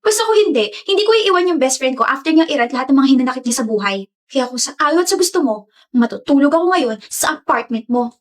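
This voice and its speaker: A woman's voice: high voice, animated, quick pace. A woman playing an insistent, caring best friend in a skit. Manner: insistent and firm. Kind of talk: comedy skit acting.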